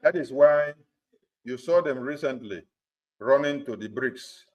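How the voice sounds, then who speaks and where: A man's voice: medium pitch, unhurried. A man speaks on a conference call, addressing supporters in an emphatic, repetitive way. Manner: emphatic and repetitive, hammering points. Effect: conference call audio. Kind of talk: political address on a group call. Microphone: phone or computer on a group call. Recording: dull lo-fi conference call line.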